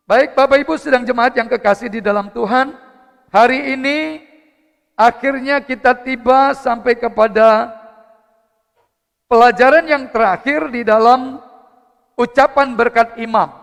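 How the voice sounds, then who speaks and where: A man's voice: extremely high pitch, gravelly, a bit bright. A man preaching a sermon, moving a prayer into teaching. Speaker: pastor. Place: church service hall. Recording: church hall reverb with faint music.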